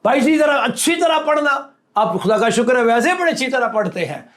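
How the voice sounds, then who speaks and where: A man delivers a sermon in a notably high voice. His pitch swings widely as he acts out quoted lines with rising emphasis. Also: animated, fairly quick, a bit bright. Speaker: preacher.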